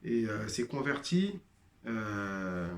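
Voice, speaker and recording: The fairly low, sing-song voice of a former member draws out its words in a reverberant room. Addressing his listeners as brothers and sisters, he gives a hesitant testimony monologue packed with fillers and restarts. Arabic is not his native language.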